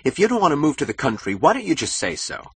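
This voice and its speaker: Man performing insecure young husband, eager and bragging, audiobook character, husky tone. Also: deep voice, very animated, fairly quick, a bit bright, heavily acted. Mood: boastful. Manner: eager, boastful, nervously defensive.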